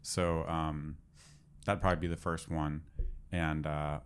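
Low-voiced rambling man. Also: flat delivery, measured pace, a little hiss or hum. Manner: rambling, many fillers. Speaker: podcast co-host, developer. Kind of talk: casual chat.

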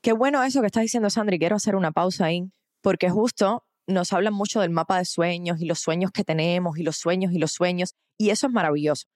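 Encouraging woman podcast host, low voice. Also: fast, darkish tone, no echo, clean studio sound. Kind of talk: casual conversation.

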